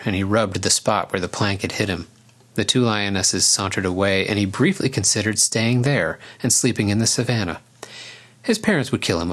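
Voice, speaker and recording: A man narrating a storybook in a calm, even reading voice. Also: lowish voice.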